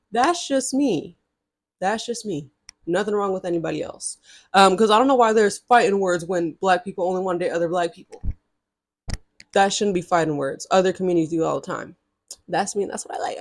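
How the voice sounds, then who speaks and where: Telling her viewers a story on camera, this early-twenties vlogger keeps things chatty and sassy, dropping in frequent direct asides. She has a mid-range voice, recorded without any room sound.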